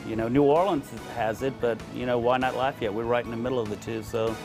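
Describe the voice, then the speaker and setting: A man's voice: mid-range voice, steady tone, fast talker, music in the background. A man, a producer, speaking earnestly and persuasively in an interview.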